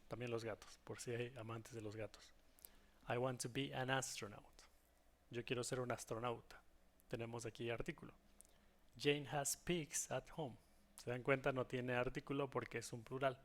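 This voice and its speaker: A man's voice: mid-range voice, flat delivery, normal speed. Guy teaching english grammar, patient, keeps checking the class gets it. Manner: patient, checks in with students often. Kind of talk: recorded lesson explaining grammar.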